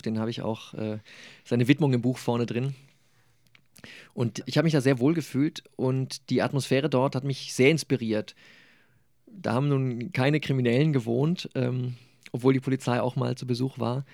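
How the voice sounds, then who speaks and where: Guy reading his own book, gets heated in the dialogue, then slow hesitant chat, dry mic. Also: medium pitch, creaky, a little mellow, no echo. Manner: thoughtful, hesitant with fillers in the interview. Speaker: author reading his novel. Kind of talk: literary reading, then interview answers.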